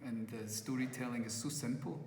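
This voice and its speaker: This is a Glasgow-accented Scot, a musician making his first film, answering interview questions in a rambling way with many restarts and acted quotes. His mid-range, darkish voice is fairly quick and fairly even in intonation. The setting is a festival venue whose echoey hall leaves faint ambience and slight background noise.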